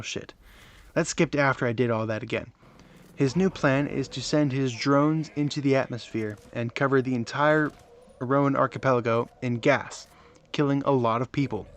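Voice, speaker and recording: A man hosting a gaming channel and giving casual gameplay commentary in a wry, offhand way. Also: mid-range voice.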